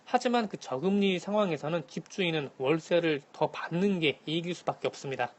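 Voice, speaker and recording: A man calling in to a radio show as a correspondent, giving a formal, scripted economic briefing in a measured manner. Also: a little high. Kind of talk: scripted news briefing, answering by phone. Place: phone link to a radio programme.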